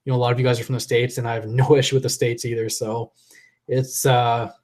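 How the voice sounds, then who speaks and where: A man chatting casually on a live stream, rambling and hesitant. He keeps stopping and restarting his sentences as he thinks out loud, in a voice of ordinary pitch for a man. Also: level tone, fast. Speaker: vlogger hosting a live stream.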